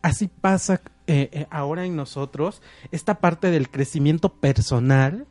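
A man co-hosting a psychology talk show, explaining points in a relaxed way with everyday examples. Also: on the high side, a little slow, no echo. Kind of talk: conversational talk-show discussion.

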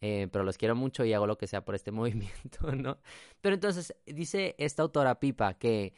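A man's voice: medium pitch, lively intonation, normal speed, a little mellow, smooth, no room sound, clean studio sound. A man with a Mexican accent hosting a podcast, talking in a casual, reflective monologue, slipping in English phrases and tag questions. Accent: Mexican Spanish. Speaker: podcast host.

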